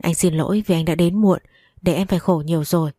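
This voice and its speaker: A woman's voice: fairly low pitch, fairly even intonation, fast talker, dry recording, studio quality, close to an everyday voice. A woman voicing a protective man comforting his partner, in a read-aloud story. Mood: tender. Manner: gentle and soothing. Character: protective loving man, angry then tender.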